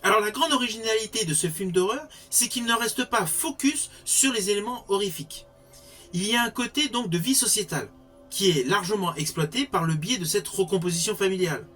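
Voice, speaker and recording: A man's voice: high voice, brisk, fairly bright tone, faint music behind. A man giving a spoken film review in an articulate way with formal wording.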